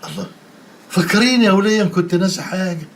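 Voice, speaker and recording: A man's voice: high-pitched, quick pace, lightly acted. An actor playing a playful, flirtatious Egyptian husband who teases his wife.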